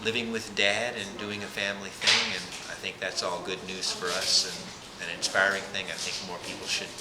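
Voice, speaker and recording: Low-voiced man in echoey noisy room. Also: little pitch movement, moderate pace, a crowd in the background. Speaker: interviewee, sailor. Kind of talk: casual interview. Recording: echoey room, loud party noise.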